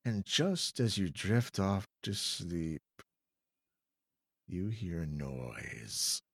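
A man reads a children's horror gamebook aloud, drawing out the words for suspense. His pitch moves in a lively way, his pace is slow, and the sound is dry and close. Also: husky, no echo. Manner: dramatic, drawn-out storytelling. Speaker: reader.

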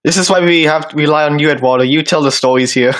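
A man's voice: a little high, fast, fairly bright tone. A man in casual podcast chat who speaks in short prompts, steering the conversation onward. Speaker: podcast co-host.

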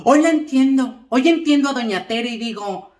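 A gossipy middle-aged mother, played by a woman rambles through a comic monologue, sprinkling little checks on her listener. Her voice sits a touch high. The recording carries a roomy echo. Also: moderate pace, darkish tone, lightly acted. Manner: chatty, rambling, keeps asking "¿eh?" and "fíjate". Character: gossipy middle-aged Mexican mom lecturing family.

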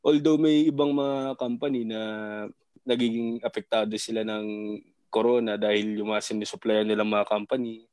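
A man chats as a guest over a video call from home. His voice sits mid-range and sounds dry and close, with no room around it. He talks in a relaxed, hesitant way, full of fillers, and often laughs. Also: medium pitch, moderate pace, no room sound. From Japan. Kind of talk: casual video-call chat. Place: home in Japan.

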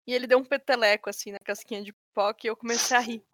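Young woman, animated slangy storyteller, somewhat high voice, dry close sound. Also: rapid-fire, no room sound. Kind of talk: casual chat.

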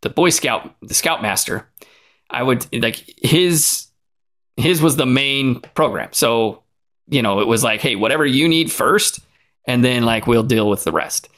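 A man's voice: mid-range voice, animated, unhurried, fairly bright tone. A man co-hosting a podcast, telling a long casual story with frequent restarts and asides. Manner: rambling storyteller with many restarts and fillers. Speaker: podcast co-host. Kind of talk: casual chat.

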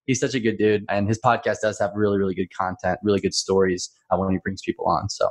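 Low-voiced easygoing man, podcast guest. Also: little pitch movement, fast talker. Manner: easygoing, laughs between points. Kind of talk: casual chat.

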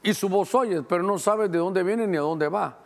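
A middle-aged Guatemalan pastor preaches a Bible-study sermon in a high-pitched, gravelly voice. He teaches while directing helpers to put verses on screen, slowing down to read verses aloud and rushing through asides to those helpers.

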